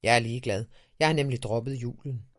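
A man's voice: medium pitch, fairly bright tone, natural voice. A man voicing a grumpy, defiant little boy in a children's audiobook, sounding scornful and stubborn. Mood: boastful. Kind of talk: audiobook character reading.

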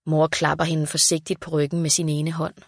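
A woman calmly reading a children's story aloud as the narrator. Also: low-pitched, breathy edge, no room sound, clean studio sound.

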